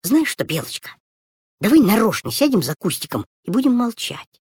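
Woman reader as sly little girl, childish pitch, storybook. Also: very animated, normal speed, darkish tone, slightly rough, no echo, studio quality, full character voice. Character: mischievous little girl Tamarochka. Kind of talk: storybook reading.

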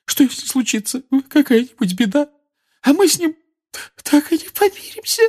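A man voicing a distraught middle-aged mother witch who cries and pleads in a high, shaky voice, in an audiobook. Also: measured pace, a little mellow. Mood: tearful. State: crying. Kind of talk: audiobook character voice.

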